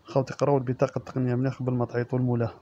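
A man with an Algerian Arabic accent reading out used-car listings and prices as the regular presenter, in a steady listing manner. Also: mid-range voice, rapid-fire, highs cut off. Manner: monotone listing of specs and prices.

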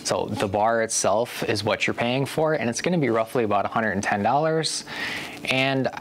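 A man in his thirties from the USA, relaxed and chatty, reviewing home gym equipment to camera and calling his viewers guys. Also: mid-range voice, moderate pace. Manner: relaxed and conversational, keeps addressing viewers as guys. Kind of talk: casual product review to camera.

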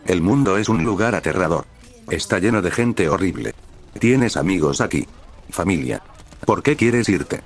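Deep-voiced guy reading as an anxious young woman, upset and clingy, flat storybook read. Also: moderate pace, breathy edge, soft background music.

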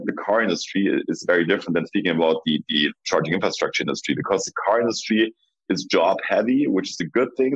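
A man who founded a startup, speaking on a panel in a measured way and thinking aloud with restarts. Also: lowish voice, husky, no echo, dull audio. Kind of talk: panel discussion.

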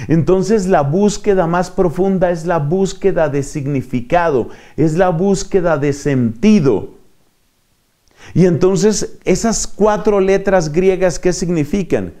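A man's voice: high-pitched, slow, mellow. A man preaching a teaching sermon, explaining step by step with rhetorical questions and small acted-out dialogues. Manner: didactic, acts out little dialogues and asks rhetorical questions.

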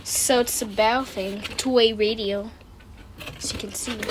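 A woman with a fairly high voice hosts a casual unboxing video, speaking in a steady, unhurried way and making short, repetitive remarks as she handles items. She is indoors in a room with a wooden floor, and clicks and handling noise can be heard.

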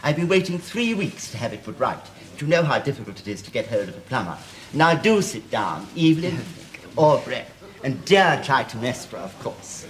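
A man's voice: mid-range voice, sing-song, moderate pace, fairly bright tone, poor audio. A middle-aged man playing a prissy, pompous man of letters with an upper-class English accent and fussily polite, flowery speech in a TV sketch. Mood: fussy, polite. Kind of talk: 1970s TV sketch comedy acting. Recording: old studio TV, faint noise.

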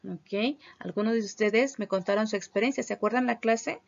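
A woman teaching children English vocabulary in a review class, saying each English word slowly and carefully and then giving its meaning. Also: mid-range voice, gravelly. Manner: slow, careful pronunciation of English words with Spanish glosses. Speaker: primary school English teacher. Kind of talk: online class review, bilingual vocabulary drill. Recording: dull lo-fi recording.

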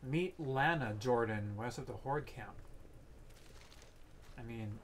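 Casting: male gamer, unhurried, crude and joking casual chat, faint noise behind. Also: mid-range voice. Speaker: game streamer. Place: indoor room, game sound behind. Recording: faint background game noise.

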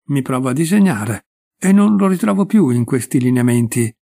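A man's voice: medium pitch, expressive, normal speed, vocal fry, mellow. A man reading the lines of a young grieving woman, earnest and a little hurt. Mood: wistful.

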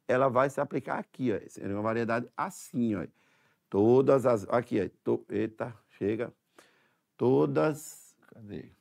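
Gravelly-voiced teacher from Sergipe. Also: male voice, medium pitch, a little mellow. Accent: Sergipe Brazilian Portuguese. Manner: explanatory, checks in often with tag questions and pointing words. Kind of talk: exam-prep lesson.

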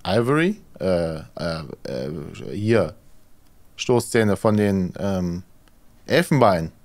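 A man's voice: deep voice, lively intonation, slow pace, darkish tone. A man doing casual let's play commentary, thinking aloud hesitantly as he plays. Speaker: let's player, horror game streamer.

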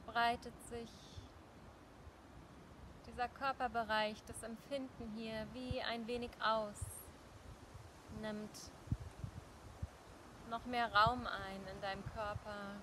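A middle-aged woman leading a guided meditation like a dream guide, speaking gently and soothingly with long pauses. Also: fairly high pitch, level tone. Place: outdoors in a forest. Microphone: small clip-on mic at the collar. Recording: clear outdoor ambient noise.

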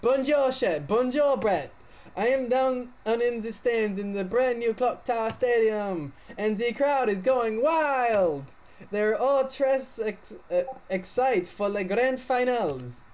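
A woman's voice: on the high side, lively intonation, slow pace, darkish tone. A man voicing a chirpy female TV announcer in a put-on French accent, bubbly and theatrical. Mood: gushing. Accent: fake French.

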